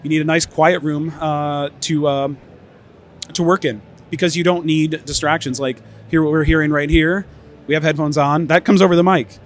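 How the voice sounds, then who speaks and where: This fairly high-pitched man keeps a steady tone and moderate pace while presenting casually on an audio trade expo stage. Many interviews have left him a bit tired, so he stumbles into fillers and restarts, and the recording carries a little hiss or hum.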